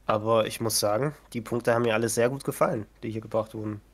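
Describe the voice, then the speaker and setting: A man's voice: lowish voice, steady tone, quick pace. A man co-hosting a podcast in casual chat, chatty and teasing, laughing often. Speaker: podcast co-host.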